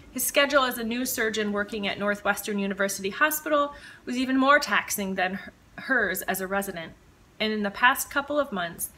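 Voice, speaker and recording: Bright-voiced woman reading her novel. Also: medium pitch, low-quality recording. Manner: measured, expressive storytelling. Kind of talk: audiobook-style reading of fiction.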